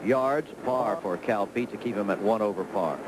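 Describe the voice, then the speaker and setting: A man's voice: fairly low pitch, moderate pace, very noisy. A man giving golf commentary in short, exclamatory remarks on an outdoor broadcast.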